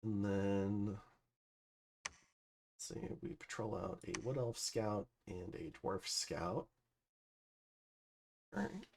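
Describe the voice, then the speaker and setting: A man's voice: on the low side, steady tone, extremely slow, gravelly, pauses often, a little hiss or hum. A man casually commentating over his strategy game turns, thinking aloud with plenty of fillers. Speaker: gameplay commentator. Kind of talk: casual let's-play commentary.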